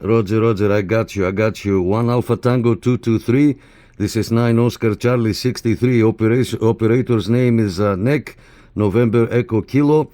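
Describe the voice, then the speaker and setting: Sitting at a radio set in an indoor room, a man who runs a YouTube channel and operates CB radio chats with viewers and makes casual contacts, repeating radio call phrases in an informal way. His voice is warm and on the low side, with fairly even intonation and a moderate pace. Background noise and radio clicks come through clearly.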